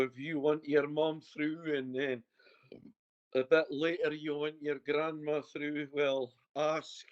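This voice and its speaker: A man's voice: a little high, no echo. A man with a broad Scottish accent, working as a medium and chatting informally, with some banter, in a one-to-one reading. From Scotland. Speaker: spirit medium giving a private reading. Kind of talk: casual chatty one-to-one consultation. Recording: dull, muffled lo-fi sound.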